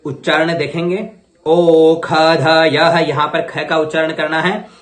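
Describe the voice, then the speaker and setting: A man's voice: fairly high pitch, steady tone, fairly bright tone, echoey room. A man teaching Vedic ritual, chanting mantras syllable by syllable for his students to copy, then explaining them. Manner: chants mantras slowly, then explains quickly in plain talk. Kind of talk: slow syllable-by-syllable mantra recitation lesson.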